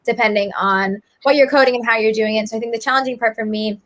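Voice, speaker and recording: A woman's voice: a little high, fairly even intonation, fast, a bit bright. A young woman answering interview questions, reflective and casual, with many "like"s and "I think"s. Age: young adult. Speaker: guest, student author and app maker.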